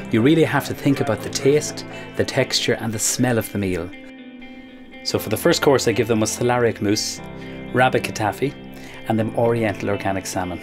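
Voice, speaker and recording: A man with an Irish accent, a chef proprietor, talking through his dishes and hosting diners in a chatty, upbeat way. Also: fairly low pitch. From Ireland. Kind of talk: documentary voice-over and hosting. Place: restaurant kitchen and dining room. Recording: roomy, with music behind.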